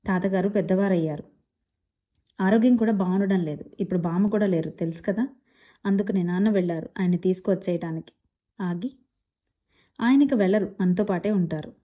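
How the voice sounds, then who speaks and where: Woman voicing a gentle, firm mother. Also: medium pitch, fairly quick, pauses often, dull audio, lightly acted. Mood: patient. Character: calm patient mother of two teens.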